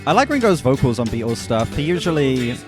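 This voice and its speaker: A man's voice: medium pitch, sing-song, a little fast. A man hosting a casual album reaction stream, talking candidly, swearing and correcting himself as he stumbles over words. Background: album music playing faintly.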